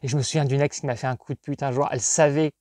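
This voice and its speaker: A man's voice: mid-range voice, steady tone, very fast, darkish tone, dry recording, studio quality. A man from northern France, chatting casually about his collection in a rambling, digressive way full of hesitations. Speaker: collector vlogger. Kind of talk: casual chat.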